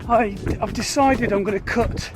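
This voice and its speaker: Weary British male running vlogger, higher-pitched, candid and chatty, music in the background. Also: moderate pace. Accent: British English. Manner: chatty, candid, self-deprecating. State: tired and dizzy mid-run. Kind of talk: casual vlog narration.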